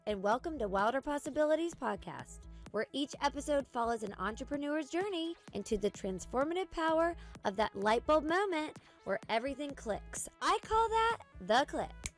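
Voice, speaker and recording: A woman's voice: sits high, sing-song, moderate pace, soft background music. A woman hosting a podcast in casual interview chat, bubbly and playful, laughing often. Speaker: podcast host.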